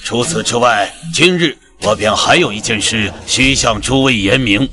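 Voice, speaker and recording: An actor as a stern noble lord. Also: male voice, mid-range voice, moderate pace, noisy background, natural voice. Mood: formal. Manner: stiff, commanding. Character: stern proud noble marquis, middle-aged father. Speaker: head of a noble house. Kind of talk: costume drama acting. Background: music.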